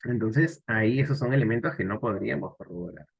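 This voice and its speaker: A man's voice: fairly low pitch, fairly quick, gravelly, husky. A man who teaches language and walks through exam answers, explaining step by step and often adding rhetorical asides. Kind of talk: exam solution walkthrough. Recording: dull lo-fi recording.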